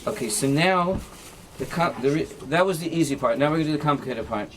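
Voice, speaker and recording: A rabbi teaches an informal halacha class, walking through knots step by step and demonstrating them with his hands as he talks. He speaks fast, with a fairly high pitch, a fairly bright tone, and lots of animation, often checking in with "right?" and mixing in Hebrew and Yiddish terms. There's slight background noise.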